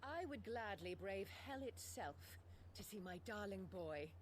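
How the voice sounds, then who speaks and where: A woman's voice: mid-range voice, lively intonation, measured pace, a little hiss or hum, natural voice. An actress playing a cold, haughty noblewoman and stern mother in a video game, formal and clipped. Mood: imperious. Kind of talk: video game drama acting.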